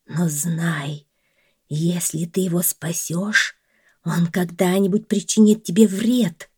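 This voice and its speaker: A woman's voice: on the low side, steady tone, slow, husky, no echo, clean studio sound, heavily acted. A woman voicing a scheming male snake in a sly, whispered voice in a storybook tale.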